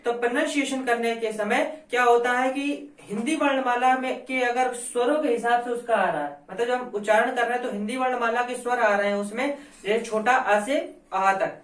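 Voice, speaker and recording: A woman's voice: a little high, recorded from a distance. Teacher woman in an echoey room. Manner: asks questions and answers them, repeats key points. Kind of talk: classroom grammar lesson.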